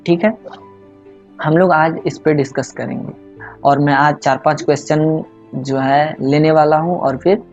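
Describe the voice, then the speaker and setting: Male online tutor, mellow dull-toned voice, keeps checking understanding, faint music underneath. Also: fairly high pitch. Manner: conversational, frequent "ठीक है?" check-ins, mixes English phrases. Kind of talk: explaining exam questions to students. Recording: slightly dull audio with faint background music.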